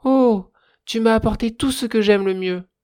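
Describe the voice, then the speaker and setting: A man's voice: a little high, animated, unhurried, a little mellow. A man voicing a small, moody fire spirit who grumbles at first and later bursts with childish joy. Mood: delighted.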